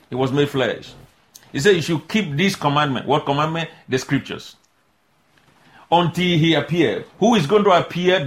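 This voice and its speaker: A man preaching a sermon, asking rhetorical questions and answering them himself, and reading scripture slowly. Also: mid-range voice.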